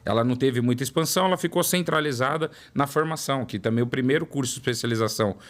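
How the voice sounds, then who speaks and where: During an interview conversation, a product development director from São Paulo, Brazil, in his forties, walks through his career, repeating words for emphasis. He has a mid-range voice, talks fast, and carries a São Paulo Portuguese accent.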